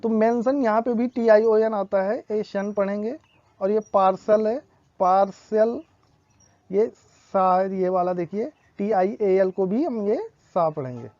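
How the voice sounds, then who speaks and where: A woman, a teacher patiently explaining English pronunciation rules and repeating each example slowly. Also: mid-range voice, warm tone, no echo, highs cut off.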